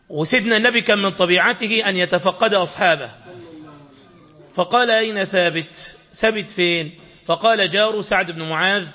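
A man preaching in an Egyptian accent, his high voice racing through stories as he keeps firing questions at the audience. The recording is dull and lo-fi. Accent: Egyptian Arabic. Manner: storytelling with rhetorical questions to listeners. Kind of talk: religious lesson.

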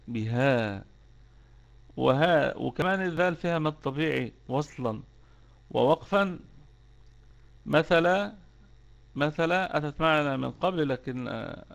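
A man's voice: fairly high pitch, creaky, a bit bright, lo-fi sound. A man with an Egyptian accent teaching Quran recitation rules in an online lesson, explaining step by step and repeating key words.

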